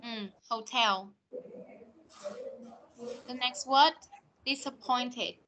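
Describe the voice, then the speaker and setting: Patient woman teacher, high bright voice, drilling words over a video call. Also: steady tone, slight background noise. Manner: patient, corrective, models words slowly. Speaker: English teacher. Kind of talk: online class pronunciation drill. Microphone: computer mic on video call.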